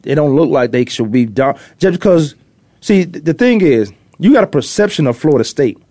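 A slightly high, sing-song voice with a dark tone and a fairly quick pace belongs to a middle-aged sports talk host from Virginia on the US East Coast, a former pro defensive back. Heard with no room sound, he chats casually, opinionated and rambling, repeating himself for emphasis.

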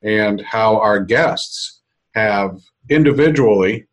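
Low-voiced middle-aged American man, meeting room mic. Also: slow pace. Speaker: podcast host. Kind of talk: unscripted podcast introduction. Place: office conference room.

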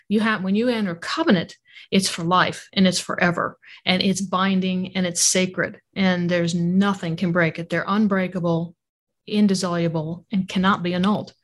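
A woman co-hosting a podcast who explains her points emphatically, stacking phrase after phrase for effect. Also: on the low side. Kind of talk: conversational explanation.

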